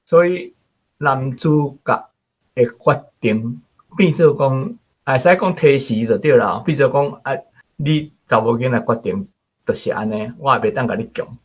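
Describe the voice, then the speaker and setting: Discussing the story on a radio show as guest or host, a man with a Taiwanese accent speaks conversationally, frequently ending phrases with small tag particles. His medium-pitched voice is unhurried and husky, with phone-quality sound.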